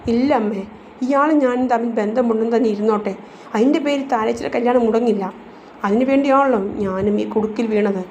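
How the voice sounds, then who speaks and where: A woman's voice: fairly high pitch, fast talker, muffled recording, slight background noise, close to an everyday voice. A woman reading a defiant proud young woman. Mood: firm pleading. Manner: pleading yet stubborn, sharp-tongued.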